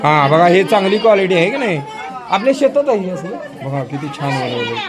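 A male school teacher touring an outdoor school market, briskly coaxing children with quick prompts. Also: high-pitched, very animated. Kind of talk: walking tour of a school market stall by stall. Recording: noisy crowd of children outdoors.

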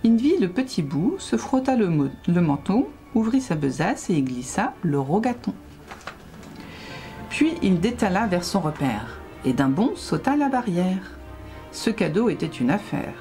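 A woman reading a rhyming children's Christmas story aloud as a librarian, with expressive storytelling. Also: lowish voice, unhurried, soft background music.

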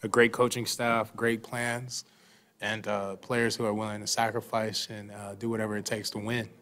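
Speaking at normal speed in a lowish voice, a young basketball player takes reporters' questions at a postgame press conference. He sits at a desk microphone in the press room, calm and thoughtful, with his replies peppered by "um" and "you know."

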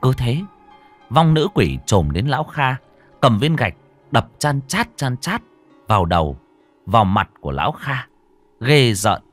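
A man's voice: medium pitch, very animated, measured pace, pauses often, faint music behind. A man narrating a ghost story in a vivid, dramatic way.

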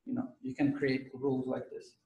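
A man lecturing a class while losing his voice and clearing his throat, talking conversationally and checking in with his students. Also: mid-range voice, monotone, normal speed, mellow, muffled recording. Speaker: university lecturer. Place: lecture room. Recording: echoey room, mic at a distance.

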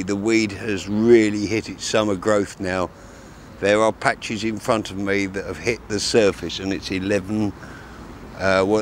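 A man's voice: lowish voice, slight background noise. A man, talking casually to camera while fishing from a riverbank, rambling with fillers and restarts. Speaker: fishing vlogger. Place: outdoors on a grassy riverbank by calm water. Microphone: camera mic from a few metres away, speaker often turned aside.

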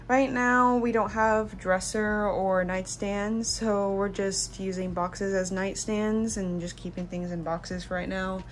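A woman's voice: medium pitch, a little hiss or hum. A young woman giving a casual, rambling house tour, filming on a handheld phone indoors. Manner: rambling, filler-heavy, coos to her dog. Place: small new house, indoors. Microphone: handheld phone camera.

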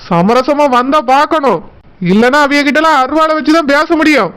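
A man's voice: extremely high pitch, moderate pace, a bit bright. A man voicing a blustering, protective older brother from a village in a cartoon, with a Tirunelveli Tamil accent. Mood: gruff. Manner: blustering, threatening.

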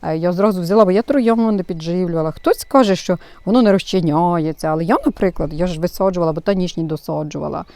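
A woman's voice: fairly low pitch, fast talker, hardly any pauses, warm tone, no echo. A woman hosting a gardening channel, explaining things in a chatty, hesitant way with lots of fillers, outdoors in her flower bed while filming herself. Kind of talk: casual gardening how-to. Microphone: self-filmed camera.

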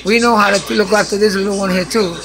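High gravelly older man preaching. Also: fairly even intonation, a little fast. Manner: preachy, mixes Spanish and English. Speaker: grandfather. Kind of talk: casual home video talk. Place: home.

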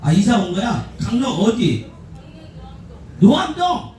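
A man's voice: high voice, wildly swooping pitch, slow pace, darkish tone. A man from Gangwon Province leading a street performance troupe, joking crudely with the crowd in outdoor stage banter. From Gangwon Province, Korea. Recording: echoey outdoor sound, far from the mic.

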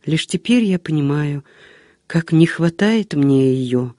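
A woman's voice: low voice, expressive, slow, mellow, no room sound, clean studio sound. A woman voicing a frightened, timid young girl who pleads in a trembling way in a gothic audiobook. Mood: sorrowful.

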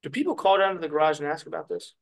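A man on the council speaking in a measured, polite way at a town meeting. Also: a little high, gravelly, low-quality recording. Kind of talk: public meeting discussion.

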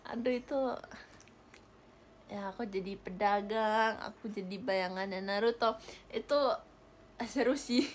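Speaking slowly with long pauses, this young idol livestreamer has a mid-range voice and keeps up casual chat with viewers, giggling often and thanking them for gifts. A webcam or phone captures her at close range in a small bedroom with a gaming chair, with slight background noise.

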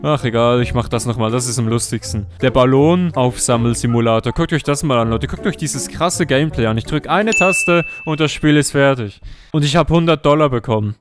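A man giving comedic let's-play commentary, joking and often squealing up in pitch. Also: brisk, over music. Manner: jokey, exaggerated, often squeals and jumps up in pitch. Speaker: gaming YouTuber.

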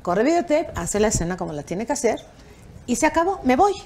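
Lively high-voiced Mexican woman storyteller. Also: fairly quick, slight background noise. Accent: Mexican Spanish. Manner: animated, acts out quoted dialogue with raised voice and laughter. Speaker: television producer, interview guest. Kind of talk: anecdotal storytelling in an interview.

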